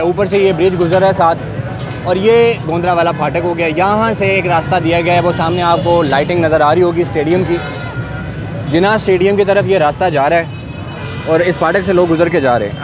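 A young man giving a walking on-the-spot video report through busy city streets at night, with running commentary as he moves. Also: high voice. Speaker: vlogger reporting from a rally. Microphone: lapel mic. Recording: loud crowd and street noise. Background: loud crowd chanting, traffic.

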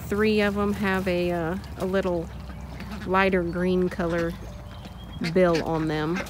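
A woman casually narrating a farm vlog from an outdoor poultry pen, talking slowly with many pauses and restarts. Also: lowish voice, flat delivery. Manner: slow, unhurried, with many ums and restarts. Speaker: farm vlogger. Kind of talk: casual narration while filming. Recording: outdoor phone audio with clear farm noise. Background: ducks quacking and chickens.

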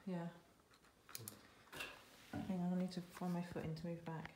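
A woman's voice: on the low side, little pitch movement, moderate pace. Jittery woman exploring an echoey house. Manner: jittery, nervous exclamations. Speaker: urban explorer. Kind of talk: casual chat while exploring. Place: derelict farmhouse indoors. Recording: echoey empty house, clear noise.

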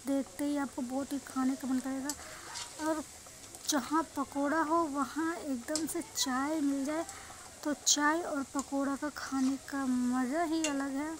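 Standing next to a frying pan in her home kitchen, an Indian-accented woman who vlogs as a home cook chats repetitively through a cooking demo for viewers. She speaks slowly, in a high voice with a steady tone, and the phone captures plenty of kitchen noise.

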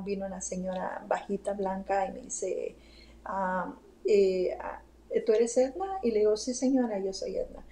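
A woman's voice: mid-range voice, dark tone, slight background noise, poor audio. A woman telling a story to a host in a casual chat, full of fillers and asides. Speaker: interview guest.

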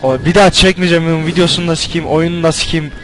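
A young man commentating a game as he plays, panicking, swearing and yelling at it. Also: a little high, steady tone, racing, faint music behind, rough recording. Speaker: gameplay commentator. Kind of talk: let's play commentary.

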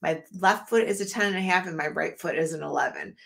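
Speaking fast in a fairly low, creaky voice with a bit of brightness, a middle-aged woman chats with her live art stream audience. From her indoor home studio she rambles and talks straight to viewers, her voice slightly worn out.

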